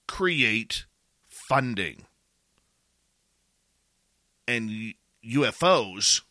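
A Canadian man giving opinion commentary in an emphatic, deliberate way, posing rhetorical questions and pausing for weight. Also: medium pitch, bright, forceful tone, dry recording, clean studio sound.

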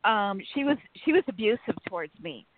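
A woman calling in over the phone, speaking in a measured way and spelling out names letter by letter. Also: mid-range voice, very animated, no room sound. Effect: heard over a phone line. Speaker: caller. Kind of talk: call-in chat with a psychic show. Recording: tinny, dry phone line.

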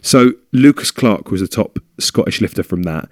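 A man's voice: on the low side, lively intonation, normal speed, no room sound, clean studio sound. A man with a British accent co-hosting a podcast in casual chat, rambling and humming filler sounds. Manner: chatty, rambling, hums fillers. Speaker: podcast co-host. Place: home room.

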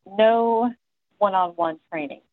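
This medium-pitched woman from Tennessee speaks slowly, chatting loosely through interview answers with plenty of ums, asides, and the odd swear word. She's a metal band singer appearing as a guest, heard over a tinny, phone-like line that's dry with no echo or room sound.

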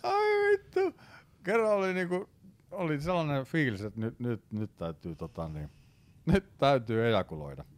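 A chatty man on a casual podcast, his voice swooping up and down as he spins a crude story. He laughs freely, and his delivery turns loud and excited at the punchlines. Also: mid-range voice. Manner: animated storyteller, laughs often, bursts into loud shouts when quoting himself. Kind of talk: casual chat.

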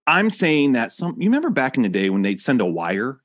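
A man co-hosting a film podcast, teasing his partner in casual chat. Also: medium pitch. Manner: lively, teasing, quick to laugh. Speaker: podcast co-host.

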